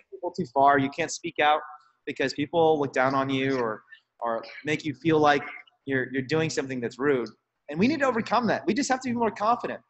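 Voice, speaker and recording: A man, an activist on a donor call, telling stories in a casual, animated way and laughing often. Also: a little high, low-quality recording. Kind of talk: casual storytelling.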